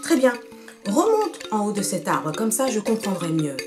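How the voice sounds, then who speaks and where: A woman voicing a small, wise female tortoise who asks patient, measured questions. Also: mid-range voice, huge pitch swings. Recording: music playing behind.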